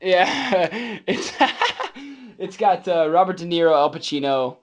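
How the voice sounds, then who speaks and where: A man co-hosts a casual podcast with a voice a little higher than most men's. He talks in an animated, easygoing way. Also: slow. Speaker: podcast co-host. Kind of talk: casual chat.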